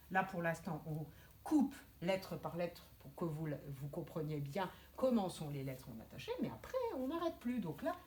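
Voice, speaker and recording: Lively teacher talking to small kids. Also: female voice, mid-range voice, roomy sound. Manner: precise, step-by-step, gently firm teacher talk. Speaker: kindergarten teacher. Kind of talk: handwriting lesson to young children. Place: classroom.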